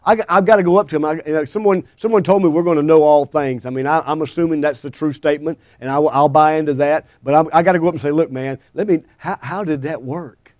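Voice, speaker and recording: A man's voice: on the high side, steady tone, fast, hardly any pauses, darkish tone, dry recording. A man preaching a folksy sermon in a small church, often repeating and restarting his words. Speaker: pastor.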